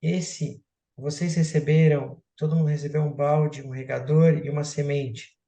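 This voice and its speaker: A man's voice: on the high side, little pitch movement, normal speed, warm tone, close to an everyday voice. A man voicing a wise, kindly old king as he tells a story. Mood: calm. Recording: roomy echoey room.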